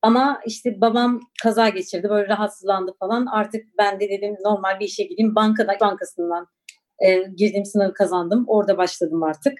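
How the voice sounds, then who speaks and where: A woman in her forties from Turkey recounts her own past, speaking thoughtfully with frequent pauses and fillers. Her voice sits in a middle register. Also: mid-range voice, fairly even intonation, darkish tone. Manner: reflective, hesitant, with frequent fillers. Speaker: interviewee. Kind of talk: personal recollection.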